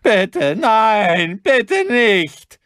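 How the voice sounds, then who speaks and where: A man's voice: big pitch swings, extremely slow, fairly bright tone, clear, resonant tone, no room sound, clean studio sound, exaggerated voice. A man voicing a terrified wounded man who wails and begs for his life in an audiobook. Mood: screaming. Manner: shrill, wailing pleas.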